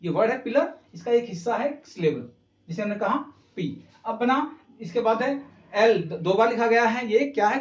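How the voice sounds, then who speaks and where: A male English teacher giving a lesson at a board, asking the class questions and answering them himself, and mixing English terms into his Hindi. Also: high voice. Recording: roomy, distant, slightly dull camera audio.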